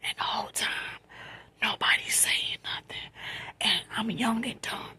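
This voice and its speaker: An American woman tells a personal story in a soft, breathy, quiet late-night whisper, speaking informally with slang and repeated phrases. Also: a little high, unhurried.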